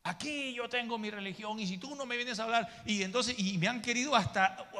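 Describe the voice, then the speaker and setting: A man's voice: extremely high pitch, brisk, pushed and bright, big-room sound. A male pastor preaching a sermon in church, emphatic, calling his listeners brother and acting out the people in his stories. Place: church sanctuary.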